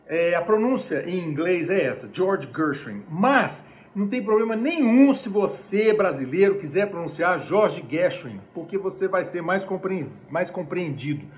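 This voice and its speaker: A man's voice: high voice, animated, moderate pace, few pauses. A Brazilian man with a Brazilian Portuguese accent giving a chatty, digressive music lecture on a live stream from home. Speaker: music teacher.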